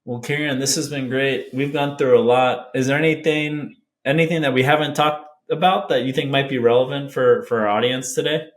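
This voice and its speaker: A man's voice: medium pitch, steady tone. Male interviewer with a mid-range voice. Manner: halting, rephrases questions as he goes. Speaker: interview host. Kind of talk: conversational business interview.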